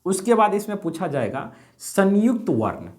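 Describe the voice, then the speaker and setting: A man's voice: sits high, big pitch swings, normal speed. A man teaching a grammar lesson, repeating key words and putting questions to his students.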